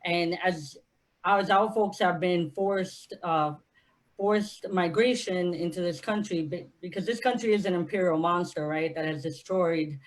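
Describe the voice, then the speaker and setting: A woman's voice: fairly low pitch, measured pace. A woman from Honduras speaking on a panel as an organizer, earnest and impassioned. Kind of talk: panel discussion.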